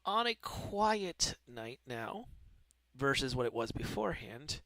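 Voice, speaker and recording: Male controller-streamer, bright forceful tone, dry close sound, wry and informal between procedural calls. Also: medium pitch, big pitch swings, slow, dry recording, rough recording. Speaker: streamer playing air traffic controller. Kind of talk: air traffic control calls mixed with casual banter.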